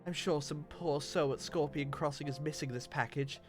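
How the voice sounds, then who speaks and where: A man's voice: on the high side, fairly even intonation, normal speed, soft background music, close to an everyday voice. A man voicing a melodramatic, out-of-breath male courier who pleads for help, reading game dialogue aloud. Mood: breathless pleading.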